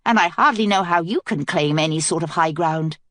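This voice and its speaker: A woman's voice: fairly low pitch, a little fast, fairly bright tone, no echo, studio quality, lightly acted. A woman voicing a young queen who speaks firmly and earnestly. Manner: firm, earnest.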